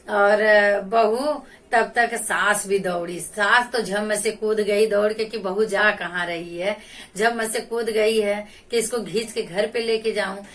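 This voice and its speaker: A woman tells a Shiva devotional story at an unhurried, deliberate pace, circling back over each phrase. Her voice sits at an ordinary pitch and sounds a bit far from the microphone. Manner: slow, repetitive retelling. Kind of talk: religious folk storytelling.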